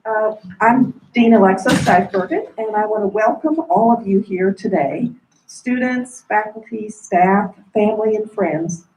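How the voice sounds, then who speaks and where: A woman giving a formal, measured welcome speech as a dean, her voice coming through a face mask. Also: medium pitch, warm tone. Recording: roomy echo, distant mic.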